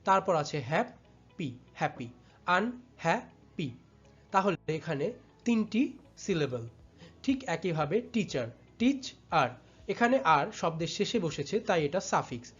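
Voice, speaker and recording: A teacher giving a step-by-step lesson, patiently repeating words and drawing them out slowly syllable by syllable. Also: medium pitch, expressive, breathy edge. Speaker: English teacher. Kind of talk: step-by-step tutorial explanation. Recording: slightly dull audio with faint background music.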